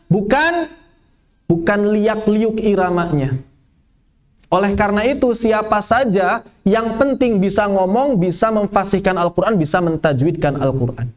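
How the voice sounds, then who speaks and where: A man teaching a lively spoken lesson, asking and answering his own questions. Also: high voice. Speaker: Quran recitation teacher. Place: event hall, live workshop.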